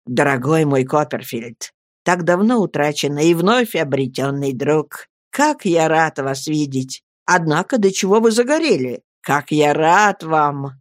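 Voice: medium pitch, expressive, measured pace, dry recording, clean studio sound, lightly acted. A reader doing a gushing young lawyer. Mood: overjoyed. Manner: effusive, exclaiming, repeating endearments. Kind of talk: audiobook character reading.

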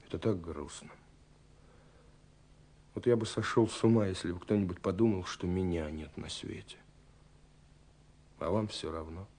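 In a hissy 1970s radio play recording, an actor with a low-pitched voice plays a lovelorn, wistful young man reading his letters. His melancholy performance is brooding and dramatic, shifting between hushed and impassioned.

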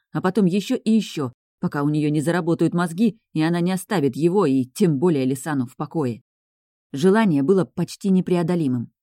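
A woman reading a novel aloud in an even, steady narration. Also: deep voice, no room sound, clean studio sound. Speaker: audiobook narrator. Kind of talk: scripted narration.

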